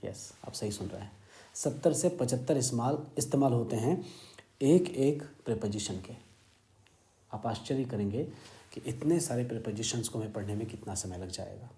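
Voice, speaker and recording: A man with an Indian accent teaching English grammar, explaining word meanings slowly and moving between Hindi and English. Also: medium pitch, warm tone. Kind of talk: grammar lesson lecture.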